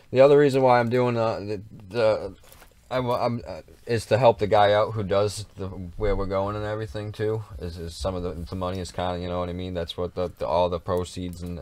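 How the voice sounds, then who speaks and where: A man's voice: low-pitched, darkish tone, no echo. A man co-hosting a casual livestream, chatting in a rambling, repetitive way with plenty of swearing. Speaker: livestream co-host.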